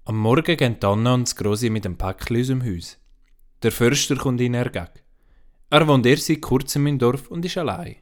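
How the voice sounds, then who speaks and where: A man reading a children's story aloud in an expressive storybook lilt. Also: mid-range voice, brisk.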